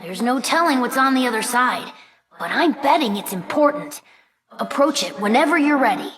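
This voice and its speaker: Voicing a clever, sincere young fox boy sidekick for a video game, a woman uses a fairly high, boyish, youthful voice with lively intonation at normal speed. The lightly acted lines sound articulate, focused and curious, with crowd noise behind.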